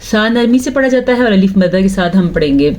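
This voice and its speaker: A woman teaching Quran pronunciation, reciting words slowly and breaking them into syllables with patient explanation. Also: mid-range voice, animated, darkish tone. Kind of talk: slow tajweed lesson with recitation.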